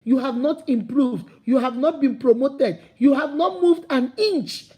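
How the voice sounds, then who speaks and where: Here a motivational speaker with a Nigerian accent talks a little slowly, her high-pitched voice dark in tone. Her impassioned, preachy delivery circles back over her points and rises to emphatic calls.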